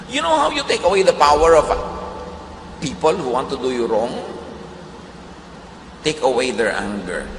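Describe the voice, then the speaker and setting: A man with a Filipino accent preaching a sermon in a lively way, going from soft lines to loud emphatic ones and acting out quoted speech. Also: mid-range voice, slight background noise. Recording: roomy echo with long reverb, faint ambience.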